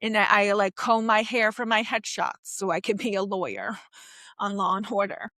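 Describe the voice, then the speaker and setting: A woman comedian from Queens, chatting as a podcast guest in a lively way, often laughing and acting out voices. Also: mid-range voice, moderate pace, dry recording. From Queens, New York. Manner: animated, laughing, acts out quoted voices. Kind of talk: casual interview chat.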